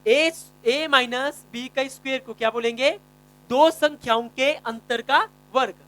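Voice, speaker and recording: A male math teacher giving a classroom lesson, quizzing students by name and repeating key phrases slowly. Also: extremely high pitch, steady tone, fairly bright tone, rough recording.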